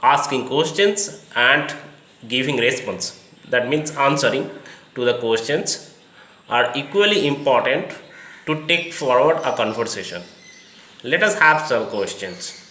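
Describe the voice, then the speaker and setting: Man, English teacher, very slow deliberate delivery, roomy echo. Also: mid-range voice, animated, sharp tone. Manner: slow, deliberate, explains step by step. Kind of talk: slow spoken English lesson.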